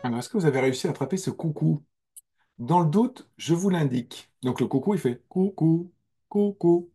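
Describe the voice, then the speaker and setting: A man giving a music lesson, explaining slowly and carefully over recorded music. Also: fairly high pitch, expressive, mellow, slightly rough. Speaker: music teacher.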